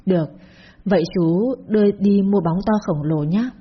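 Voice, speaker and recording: A woman's voice: mid-range voice, normal speed, breathy edge, highs cut off, close to an everyday voice. A woman voicing a shifty male stranger who coaxes and stammers in a storybook tale. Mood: coaxing. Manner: wheedling, stammering.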